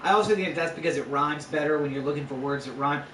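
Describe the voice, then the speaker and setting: A man's voice: fairly high pitch, fast talker, fairly bright tone. A man hosting a casual podcast at home, chatting and playfully arguing his points. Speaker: podcast host. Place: home room. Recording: roomy sound, distant mic, faint noise.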